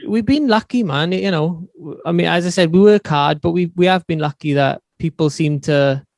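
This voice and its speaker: A man's voice: a little high, moderate pace, gravelly, darkish tone, no echo, clean studio sound. A man with a Swansea Welsh accent chatting informally and matily as a musician guest on a podcast. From Swansea, Wales. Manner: matey, informal, peppered with "you know". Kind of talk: casual interview chat.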